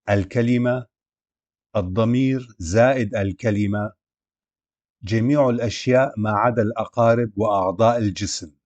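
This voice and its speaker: A man reading a recorded grammar lesson, spelling out word forms one at a time in a slow, deliberate way. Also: fairly low pitch, a little mellow, no room sound. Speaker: language teacher.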